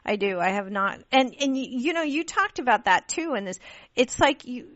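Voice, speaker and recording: Lively woman radio host, dull audio. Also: fairly high pitch, moderate pace, no echo. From Pakistan. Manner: animated storytelling with laughs and restarts. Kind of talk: casual interview chat.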